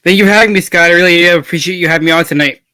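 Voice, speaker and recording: Smooth, bright-voiced male guest. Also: high-pitched, racing, dry recording. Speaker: hockey writer guest. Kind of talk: podcast interview.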